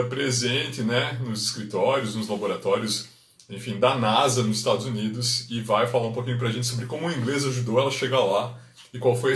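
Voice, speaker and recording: A man from Brazil, hosting a live online English lesson, drilling words slowly and chatting with viewers. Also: medium pitch, fairly bright tone, recorded from a distance. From Concórdia, western Santa Catarina, Brazil. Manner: slow deliberate pronunciation drills, chatty asides to viewers. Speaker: English teacher hosting a livestream. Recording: echoey room, voice from away from the mic.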